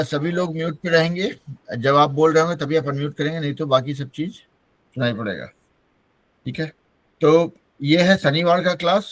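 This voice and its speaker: A man's voice: on the high side, no echo. Man teaching an online English class. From Bihar, India. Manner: mixes Hindi and English, explains patiently.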